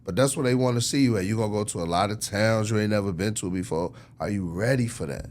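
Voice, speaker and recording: A man interviewed as a record label executive speaks quickly in a lowish, somewhat dark voice, using slangy, informal language and often checking that the listener is following. The background ambience is clearly noisy.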